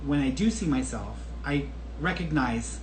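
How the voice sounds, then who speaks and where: This thirty-something podcast host, speaking unhurriedly in an expressive mid-range voice, takes on a viewer's question in a casual solo chat. Candid and talkative, he often restarts and laughs, and the echoey room carries faint background noise.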